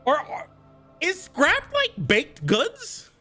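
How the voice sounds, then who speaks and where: A man's voice: extremely high pitch, takes it slowly, faint music behind. A man streaming live, chatting casually and jokily with viewers and greeting them by name. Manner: animated, jokey, greets chat members by name.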